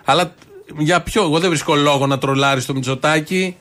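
A man's voice: on the high side, a bit bright. Bantering male talk-show host. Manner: bantering, ironic, laughs easily. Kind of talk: casual chat on a talk show.

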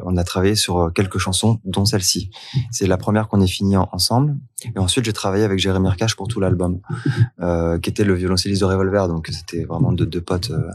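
A man from France, a singer-songwriter guest, talking in a relaxed interview with many fillers and restarts. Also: low-pitched, no echo.

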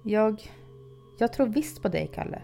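A woman's voice: mid-range voice, animated, vocal fry, mellow, soft background music, voice pushed up. A woman voicing a nervous, polite teenage male babysitter who stammers anxiously.

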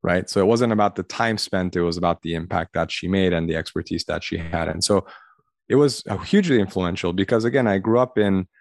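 Guest: a low-voiced man in his thirties, earnest and reflective, dry close sound. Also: a little fast, no room sound. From Los Angeles, USA. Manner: earnest, reflective, many "you know" fillers. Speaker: podcast guest, admissions consultant. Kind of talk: conversational interview answer.

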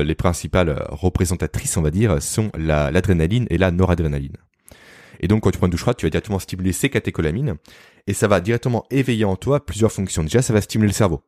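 A man's voice: low-pitched, darkish tone, no room sound, clean studio sound. A man explaining health topics as a guest, in a didactic, informal way. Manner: fast, didactic, addresses the listener informally. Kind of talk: explanatory podcast talk.

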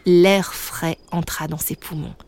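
Gentle woman narrating a bedtime story. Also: fairly low pitch, steady tone, slow.

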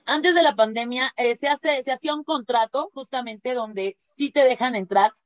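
A laughter-doctor guest with a Mexican accent chats casually in an interview, telling lively stories and often acting out quotes, with plenty of tag questions and fillers. Her voice is high, her pace moderate, and there's no room sound at all.

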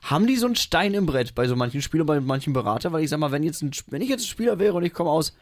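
A man's voice: a little high, sing-song, rapid-fire, no room sound. A man co-hosting a podcast in casual chat, reeling off numbers and dropping dry jokes. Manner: dry joking, reels off stats. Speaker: podcast co-host.

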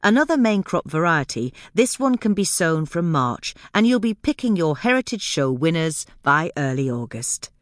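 For a scripted podcast about gardening, a female narrator gives a careful, explanatory reading with lively pitch movement. Her recording is close-miked and very dry, without any room ambience.

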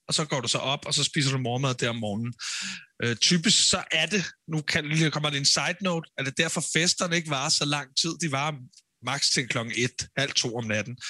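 A man co-hosting a casual podcast chat, animated and emphatic, raising his voice when he rants. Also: mid-range voice, no echo. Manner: animated, gets loud and emphatic when ranting. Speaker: podcast co-host, former reality show contestant.

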